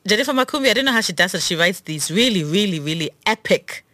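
Bright, forceful woman chatting with a friend. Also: mid-range voice, animated, fast talker, no room sound. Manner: enthusiastic, thinks aloud with many fillers. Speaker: podcast co-host. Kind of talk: casual conversation between friends.

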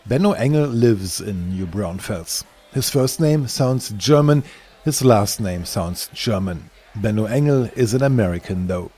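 Man narrating a documentary, dark voice. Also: lowish voice, unhurried, husky. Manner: calm, explanatory storytelling.

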